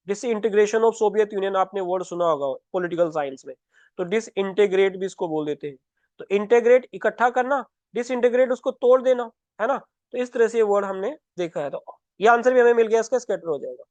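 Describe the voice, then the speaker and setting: A man's voice: high-pitched, darkish tone, dry recording. A young man teaching exam vocabulary in a casual, repetitive style. He often checks in with his students. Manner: conversational, repeats words, checks in with "है ना". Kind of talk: exam-prep lesson with on-screen writing.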